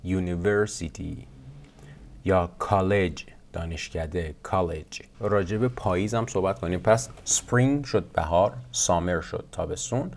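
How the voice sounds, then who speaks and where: A man, a Persian speaker, teaching English in a casual lesson. He explains quickly in his own language and says the English example sentences slowly and carefully. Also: low-pitched.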